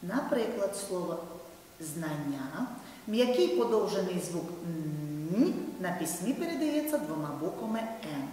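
A woman teaching a video lesson to first graders, talking slowly in a sing-song way and speaking directly to the children. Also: on the low side, very animated, a little hiss or hum. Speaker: primary school teacher. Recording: roomy hall, far mic, soft music.

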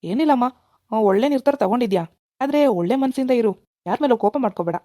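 A woman's voice: on the high side, lively intonation, fast, no room sound, studio quality, natural voice. A woman voicing a mild preachy cartoon dad. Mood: gentle. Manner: gentle moralizing, resigned. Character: calm preachy middle-aged father. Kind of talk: cartoon voice acting.

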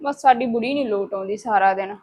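A woman's voice: medium pitch, fast talker, a little mellow, lightly acted. A woman playing a fed-up daughter-in-law who keeps complaining about her mother-in-law. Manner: complaining, mimics others' voices in quotes. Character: fed-up young daughter-in-law, gossiping and bitter. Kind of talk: short-film dialogue.

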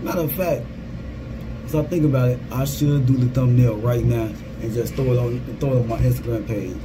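A man's voice: mid-range voice, steady tone, fairly quick. Casual man vlogging in a noisy little booth. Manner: informal, repeats phrases. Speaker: gaming content creator. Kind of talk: casual vlog update. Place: small security guard booth. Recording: clear vehicle and ambient background noise.

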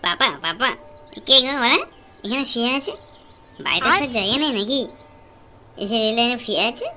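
A shrill foul-mouthed little boy. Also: animated, brisk, background noise. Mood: cheeky, taunting. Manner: shrill, brash and insulting. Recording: music behind the voice.

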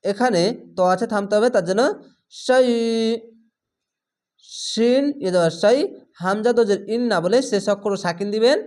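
A man teaching recitation step by step, slowly drawing out each recited word and then explaining it plainly. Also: high voice, darkish tone. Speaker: Quran reading teacher.

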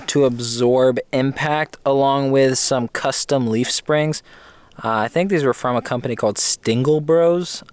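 A young man casually walking through his homemade camping trailer outdoors, chatty and relaxed, often correcting himself mid-sentence. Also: mid-range voice, smooth, no echo. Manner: relaxed and chatty, with frequent fillers and self-corrections. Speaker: DIY trailer builder giving a walkaround. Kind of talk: casual off-the-cuff walkaround. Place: outdoors at a campsite.

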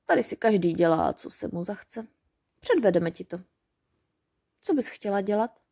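A woman's voice: medium pitch, animated. A woman voicing a band of mischievous forest goblins who love breaking rules. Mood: teasing. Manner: loud, teasing.

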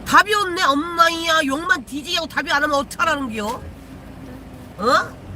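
A woman's voice: extremely high pitch, moderate pace, bright, forceful tone. A woman, a shaman chatting casually with viewers on a live stream from her car, teasing and swearing freely. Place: in a car while driving.

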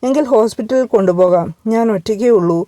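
A woman's voice: a little high, brisk, mellow, dry recording, studio quality, lightly acted. A woman voicing an earnest, proud young mother who grows anxious, in a storybook reading.

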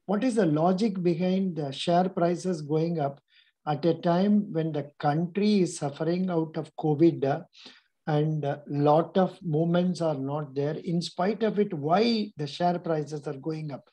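A man's voice: on the high side, unhurried, mellow, poor audio. An older man with an Indian accent interviewing someone informally on a video call. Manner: informal, switches between English and Hindi. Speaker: mock interviewer. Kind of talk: conversational interview questioning. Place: indoor office. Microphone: video call, seated close to webcam.

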